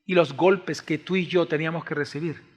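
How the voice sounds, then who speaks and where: A Salvadoran man preaching a passionate sermon as pastor, swinging between loud exclaims and hushed pleas. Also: a little high, steady tone, fairly quick. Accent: Salvadoran Spanish. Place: church sanctuary. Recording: long church reverb.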